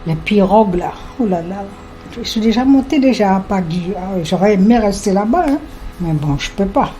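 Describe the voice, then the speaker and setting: A woman, telling her life story in a lively way and acting out what people said. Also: mid-range voice, normal speed, slight background noise. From French Guiana. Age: 70s. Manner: lively storyteller who acts out remembered dialogue. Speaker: interviewee.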